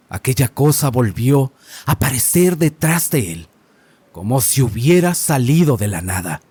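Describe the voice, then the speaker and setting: A man narrating a horror story in an expressive, dramatic manner. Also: medium pitch, no room sound.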